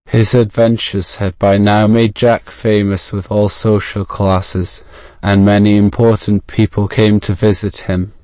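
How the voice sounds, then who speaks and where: A man with a modern British accent reading a scripted story for English learners, measured and clearly enunciated. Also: on the low side, little pitch movement, warm tone, no echo. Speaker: audiobook narrator.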